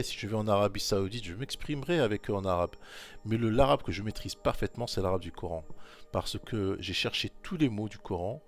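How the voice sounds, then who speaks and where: A man with a fairly low voice works loosely through scripture verses as a religious commentator, circling back to the same points and pressing them on the listener directly. Faint music plays quietly underneath his insistent, repetitive exhortation.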